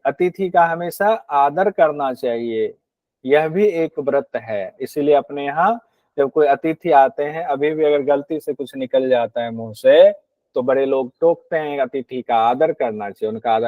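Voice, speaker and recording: A man's voice: on the high side, dry recording, muffled recording. A man teaching a Hindi lecture on scripture, explaining verses and asking and answering his own questions. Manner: acts out rude and grudging hosts in quoted asides.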